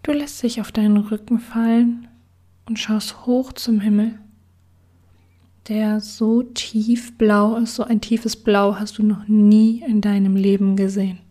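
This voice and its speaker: A woman guiding a relaxation meditation in a soft, soothing whisper. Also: mid-range voice, little pitch movement, measured pace. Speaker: meditation guide.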